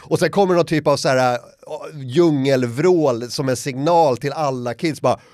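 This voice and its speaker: A man's voice: mid-range voice, dry recording. A middle-aged man chatting casually, telling a funny story and acting out the voices of others. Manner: animated storyteller who acts out other people's lines. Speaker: podcast guest. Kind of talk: casual chat, anecdote.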